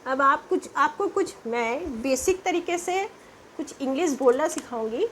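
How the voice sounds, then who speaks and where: A woman's voice: sits high, lively intonation, unhurried, a bit bright, a little hiss or hum. A woman teaching English pronunciation, spelling words out letter by letter and asking the class questions. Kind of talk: slow spelling-out lesson.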